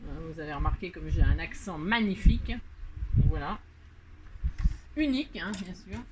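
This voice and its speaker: A woman's voice: sits low, expressive, normal speed, background noise. A woman with a French accent hosting a casual crafting tutorial, chatty and self-mocking, full of fillers and repeated words.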